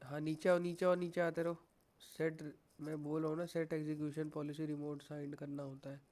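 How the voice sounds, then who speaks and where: A man's voice: a little high, flat delivery, brisk, darkish tone. Young man teaching a live coding class. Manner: patient, reassuring, mixes English tech words into Hindi. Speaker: coding instructor.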